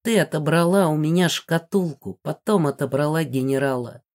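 A woman reading a low, mournful spirit woman. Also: moderate pace, darkish tone, natural voice. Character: doleful spirit woman bound to a box.

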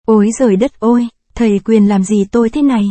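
A woman's voice: on the high side, a little fast, mellow, no room sound, natural voice. A woman reading the lines of a young village woman selling food in a storybook tale, polite and deferential. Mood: alarmed. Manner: deferential, then alarmed.

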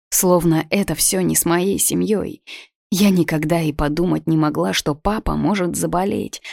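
A woman narrates a tense first-person story with feeling. Her voice sits a little low, and the recording is dry and close, with no room sound. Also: creaky, dry recording. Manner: emotional, dramatic reading. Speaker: audiobook reader.

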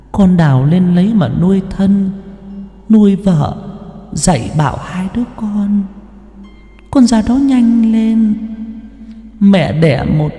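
A man voicing the ghost of a kindly old mother in an audio story, speaking softly and pleadingly with drawn-out words. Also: sits high, echoey room, in a large hall, pitched above the performer's own voice, full character voice.

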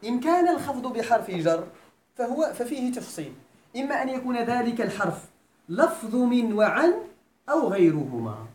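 A man's voice: extremely high pitch, very animated, moderate pace. A man with a Moroccan accent giving a classroom grammar lecture, often quizzing his students and checking that they follow. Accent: Moroccan Arabic. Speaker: teacher of Arabic grammar. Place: lecture room at a Quran school. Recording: echoey room, faint background noise.

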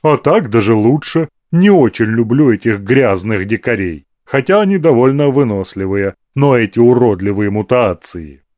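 A man's voice: expressive, normal speed, hardly any pauses, darkish tone, dry recording, natural voice. A man putting on a brash, crude fat woman. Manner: brash and demanding, shrill when scared. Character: fat, crude, lustful woman brothel customer.

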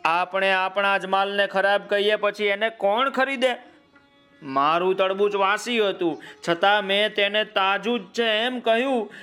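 A man voicing a sly, smooth-talking male shopkeeper who flatters customers and scolds a boy, in a children's story. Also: sits high, unhurried, faint music behind, voice pushed up. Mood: scolding.

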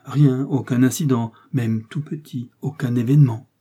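A man reading aloud, voicing a calm, shrewd detective who questions precisely and insistently. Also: medium pitch, normal speed, husky, lightly acted. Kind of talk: audiobook reading.

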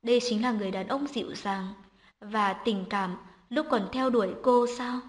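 A woman reads a dramatic family story aloud in a steady, scripted narration. Her voice sits fairly high and keeps an even, clear delivery throughout. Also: normal speed, in a large hall.

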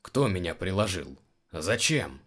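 A man's voice: low-pitched, sing-song, measured pace, a bit bright, full character voice. A man reading the lines of a rueful, bluff male guard in his own voice.

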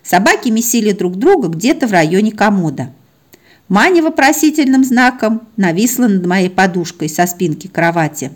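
A woman reading her own humorous story in the first person, wry and expressive. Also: medium pitch, normal speed. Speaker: narrator.

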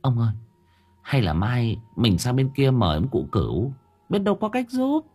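A man's voice: huge pitch swings, normal speed, dark tone, breathy edge, soft background music. A man doing a worried, pleading middle-aged wife. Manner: pleading, worried, raised pitch.

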